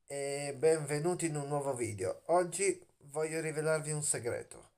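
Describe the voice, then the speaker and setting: With a fairly high, slightly mellow voice and lively intonation, this young channel host gives a theatrical children's-style explanation, drawing out words and posing questions. He's lying on a bed in a small bedroom, recording on a phone at arm's length.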